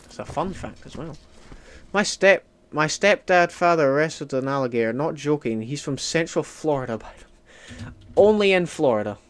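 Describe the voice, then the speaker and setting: A man's voice: fairly high pitch, moderate pace. A Scottish man streaming a strategy game, chatting casually and rambling with lots of "like" fillers. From Scotland. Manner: rambling, heavy use of "like" fillers.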